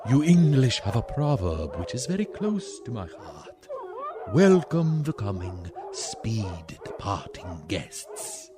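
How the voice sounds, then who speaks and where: A man's voice: lowish voice, big pitch swings, slow, music in the background. An actor playing a sinister, courteous vampire count in a radio horror play, drawing out his words with mock-polite menace. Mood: suave menace.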